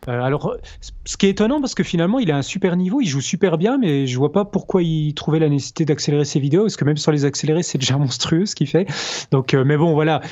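Agreeable guy chatting on a podcast, bit higher voice, muffled lo-fi audio. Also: lively intonation, fast talker, dark tone. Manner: agreeable, frequent backchannel. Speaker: podcast co-host. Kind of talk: casual chat.

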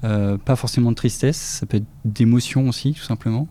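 A man who is a father answering interview questions hesitantly, with many pauses and fillers. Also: medium pitch, warm tone.

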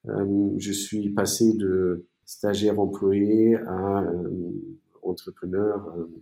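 Hesitant man, deep mellow voice, roomy. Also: flat delivery, slow pace. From East Germany. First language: German. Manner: hesitant, many fillers and restarts. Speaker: entrepreneur guest. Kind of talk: interview answers.

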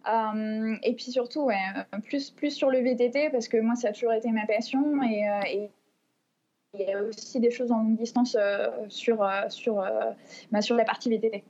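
A woman's voice: fairly high pitch, steady tone, normal speed, a little mellow, muffled recording. A woman in her twenties, a guest on a podcast, talking hesitantly with many fillers. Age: 20s. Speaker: guest, long-distance cyclist. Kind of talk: podcast interview.

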